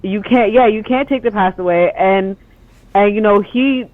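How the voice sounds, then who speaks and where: A woman's voice: mid-range voice, moderate pace, no room sound. Rambling woman on a tinny phone-like line. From Ethiopia. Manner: rambling, heavy on "like" and "you know", swears casually. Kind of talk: casual conversation.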